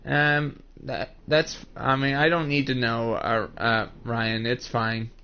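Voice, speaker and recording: A man in his twenties streams a building game, slowly explaining each step in a mid-range voice with little pitch movement and greeting chat viewers by name. The lo-fi stream mic sounds muffled, with slight background noise.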